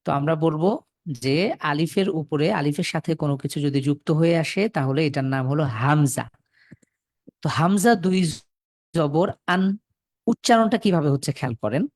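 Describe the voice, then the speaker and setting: A man from Bangladesh with a somewhat high, darkish voice teaches Quran reading in a live online class, recorded with clean studio sound. He patiently repeats the rules and sounds out syllables for students to echo back over a computer mic.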